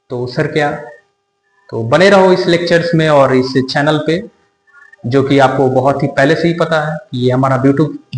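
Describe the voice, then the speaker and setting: A man's voice: medium pitch, roomy sound, rough recording. A young man teaching a casual lecture, acting out both sides of a teasing back-and-forth with his students. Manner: acts out student and teacher dialogue, informal and teasing.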